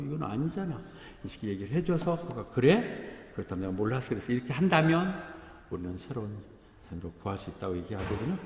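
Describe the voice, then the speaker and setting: Korean pastor preaching in echoey hall. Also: male voice, mid-range voice. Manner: conversational preaching, breaks into acted dialogue, chuckles at congregation. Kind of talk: sermon. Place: church sanctuary. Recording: echoey church hall, faint ambience.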